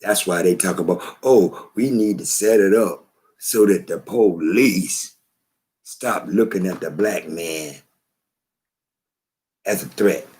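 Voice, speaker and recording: Deep voiced guy talking slow to the camera, preachy, repeats stuff for emphasis. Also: darkish tone. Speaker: vlogger. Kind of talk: slow spoken commentary to camera.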